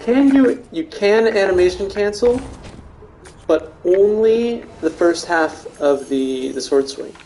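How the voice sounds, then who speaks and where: A man streams a video game, joking with his audience and rambling casually to chat. His voice sits high and expressive, moving at a slow pace with a dark tone, and faint music plays behind him.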